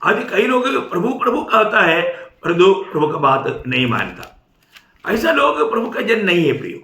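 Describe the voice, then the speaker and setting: Guy preaching, bright forceful voice, keeps asking the crowd "right?", echoey church room. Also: high voice, sing-song, moderate pace. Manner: emphatic, with tag questions to the congregation. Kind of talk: sermon.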